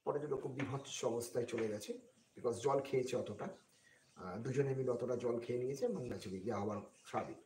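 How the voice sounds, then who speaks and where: A man telling a ghost story on a live stream in a slow, hesitant way, with many fillers and frequent checks with his viewers. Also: medium pitch, darkish tone. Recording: echoey room with faint noise.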